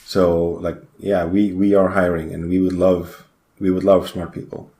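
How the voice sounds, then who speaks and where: In an echoey room, an Icelandic man chats as a programmer guest on a podcast, his voice low-pitched, dark and level, at a moderate pace. The conversation is rambling and hesitant, packed with fillers.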